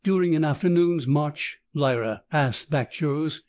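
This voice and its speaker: Dark-toned synthetic male audiobook narrator. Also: on the high side, measured pace, no echo, studio quality. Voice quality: synthetic text-to-speech voice.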